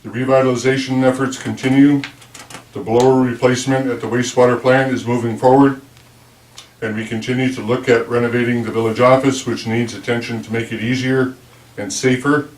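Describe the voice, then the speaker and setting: A man's voice: mid-range voice, steady tone, fairly quick. A man with a lisp and whistling s, giving a formal prepared address as chair of a local board meeting. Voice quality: lisp from a dental appliance, whistling s. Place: indoor village board meeting room. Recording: roomy, distant meeting-room microphone.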